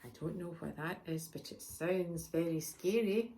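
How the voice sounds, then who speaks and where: A woman voicing a frightened, trembling rabbit in a storybook reading, soft and nervous. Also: on the low side, a little slow, slight background noise. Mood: timid.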